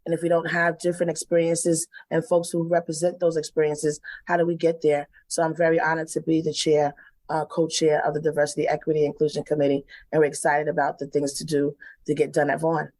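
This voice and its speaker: A woman's voice: sits low, level tone, fast talker, a little mellow, no echo. A woman who directs career services at a college, speaking enthusiastically in a live interview. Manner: upbeat, enthusiastic.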